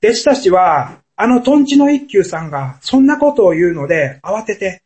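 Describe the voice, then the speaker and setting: A man's voice: high voice, big pitch swings, normal speed, darkish tone. A man preaching a sermon as a pastor, telling stories in an earnest, storytelling manner.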